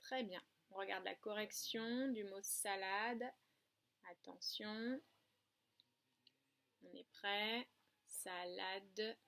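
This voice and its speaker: A woman teaching a lesson to young children from a distance, patient and clear, stressing syllables and spelling words out letter by letter. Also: mid-range voice, slow pace, pauses often, fairly bright tone. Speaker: kindergarten teacher. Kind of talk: remote classroom lesson.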